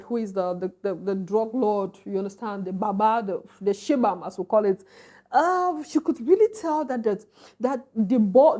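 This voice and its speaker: Young woman, film reviewer: chatty, familiar, warm-toned and a touch high. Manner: chatty, addresses viewers as honey and baby, asks "are you getting?". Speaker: movie reviewer. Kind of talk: casual spoken film review.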